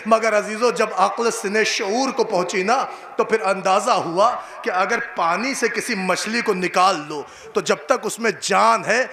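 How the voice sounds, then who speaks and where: A man's voice: high voice, few pauses, pushed and bright. A man with an Indian Urdu accent, a cleric giving an impassioned mourning sermon that rises into a chanted lament at an outdoor gathering. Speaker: Shia cleric giving a majlis address. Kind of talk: mourning sermon rising to sung wailing. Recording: echoey live PA with crowd noise. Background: crowd of mourners.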